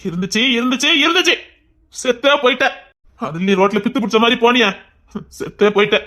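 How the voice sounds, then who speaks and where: A man dubbing a fast-talking, earnest young hero. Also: very high voice, lively intonation, pushed and bright, exaggerated voice. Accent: Tirunelveli Tamil. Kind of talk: comic dub of a TV serial.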